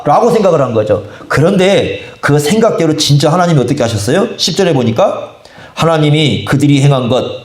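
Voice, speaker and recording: A male pastor delivers a sermon in a church, his slightly high voice rising and falling with wide swings. He keeps putting questions to the congregation and answering them himself. The sound carries a roomy church echo. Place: church sanctuary. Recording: echoey church room.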